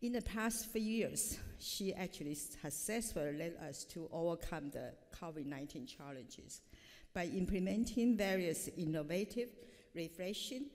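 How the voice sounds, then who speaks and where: A middle-aged woman professor introduces a keynote speaker at a podium mic in a large hall, reading formally from her notes. Her voice is lowish and a little mellow, and she hesitates often with frequent "uh" fillers. The recording carries a long hall reverb.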